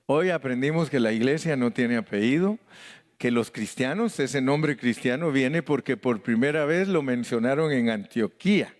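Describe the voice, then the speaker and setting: A man's voice: mid-range voice, expressive, moderate pace. A middle-aged man with a Mexican accent, a pastor leading a Bible study in a joking, folksy way that mimics voices and calls out to the congregation. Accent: Mexican Spanish.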